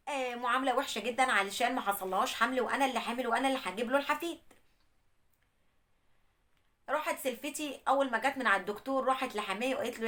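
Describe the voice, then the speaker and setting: Fast-talking Egyptian woman storyteller. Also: sits high, sharp tone. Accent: Egyptian Arabic. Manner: earnest, admonishing. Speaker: host reading a listener's story. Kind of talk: first-person storytelling and religious advice.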